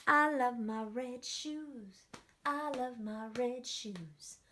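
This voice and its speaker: A woman's voice: on the high side, extremely slow, bright, forceful tone, slight background noise, full character voice. A woman voicing a cheerful, easygoing male cartoon cat from a storybook, chanting his little song in a sing-song way. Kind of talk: storybook read-aloud.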